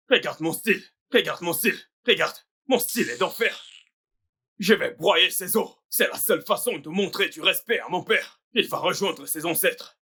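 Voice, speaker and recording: A man voices a boastful young fashion designer in a dubbed film drama, his husky, high voice ringing bright. He rants and threatens with wounded pride. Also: heavily acted. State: bleeding from the mouth after a beating. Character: vain hot-tempered young male fashion designer. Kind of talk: French dub of a film.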